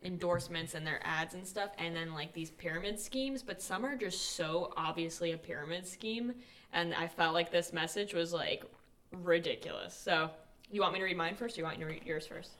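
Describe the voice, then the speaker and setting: A woman's voice: lowish voice, normal speed, a bit bright, rough recording. A young woman co-hosting a casual podcast, chatty and peppered with "like" and swearing. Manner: chatty, heavy use of "like", swears freely. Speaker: podcast co-host. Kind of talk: casual chat.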